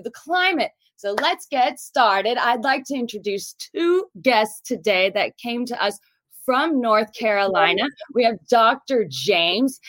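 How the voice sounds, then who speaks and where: A woman's voice: a little high, fairly bright tone, no echo. A woman hosting an interview, welcoming guests and asking them questions in an upbeat way. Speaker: recruiter, interview host.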